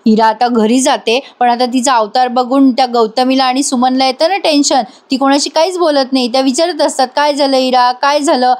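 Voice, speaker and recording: Woman reviewer, high voice, chatty voice-over recap addressing viewers. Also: steady tone, brisk, hardly any pauses, darkish tone. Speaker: TV episode reviewer.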